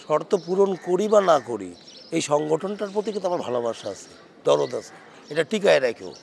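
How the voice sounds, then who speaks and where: A man's voice: a little high, lively intonation, brisk, gravelly, darkish tone, a little hiss or hum. An actor playing a middle-aged husband who scolds his wife and insists he is not old, in a television drama. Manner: indignant, scolding, vain about his age. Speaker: husband in a strained marriage.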